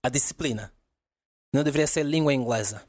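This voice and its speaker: A man's voice: medium pitch, brisk. A man, an English teacher explaining emphatically in a podcast interview and dropping in English example phrases.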